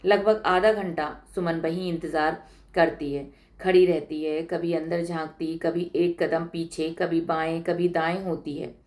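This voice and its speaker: A woman narrating her own story with a measured, expressive reading. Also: sits low.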